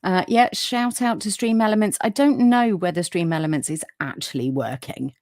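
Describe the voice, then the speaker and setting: At a moderate pace and medium pitch, a woman with a soothing voice hosts a casual livestream podcast, chatting warmly with viewers and reading their comments amid lots of fillers. The sound is studio quality, without echo.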